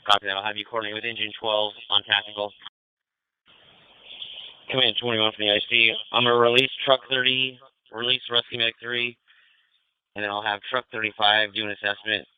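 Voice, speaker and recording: A man's voice: fairly low pitch, level tone, fairly quick, pauses often, smooth, dry recording, phone-quality sound. An American man working as fire incident commander, giving courteous, procedural orders in clipped police-radio style over a two-way radio. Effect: radio transmission. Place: fireground.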